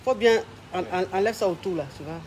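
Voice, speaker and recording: A man's voice: high voice, brisk, a little mellow, a little hiss or hum. A man, a relationship coach talking on a live stream at home, flamboyant and mocking in his delivery. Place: at home with family around.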